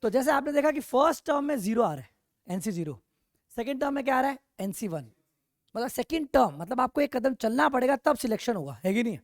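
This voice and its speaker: A male math teacher lecturing a class, animated and constantly checking in with rhetorical questions. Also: extremely high pitch, fast talker, dry recording, clean studio sound. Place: classroom with online students.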